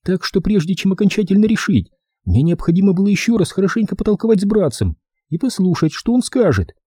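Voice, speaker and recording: A man reading an audiobook voices a sharp-tongued, impatient young brunette woman who scolds and chatters. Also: high-pitched, very animated, quick pace, breathy edge, no room sound, studio quality, pitched above the performer's own voice, full character voice. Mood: chattering.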